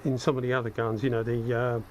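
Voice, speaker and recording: Here a hobbyist host talks at a quick pace in a mid-range voice, slightly croaky as though he has a cold, while demonstrating spray guns. He's conversational, thinking out loud as he works and making fun of himself now and then. Audio comes from a head-mounted action camera, with steady noise from the workspace.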